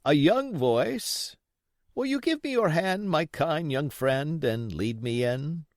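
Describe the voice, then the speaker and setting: A high, slow, sing-song voice of a hunched old blind beggar. He pleads loudly and wheedles with exaggerated swoops, sinister beneath the politeness, as in a classic seafaring storybook. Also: expressive, no room sound, clean studio sound. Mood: wheedling. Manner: odd raised sing-song, drawn-out pleading.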